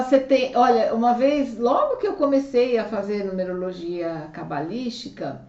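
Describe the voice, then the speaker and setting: A fairly high-voiced woman hosts an interview and reacts with eager exclamations. Her voice sounds distant and roomy, and the audio is muffled. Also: mellow. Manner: enthusiastic reactions, frequent exclamations. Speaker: interview host. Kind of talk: casual interview chat.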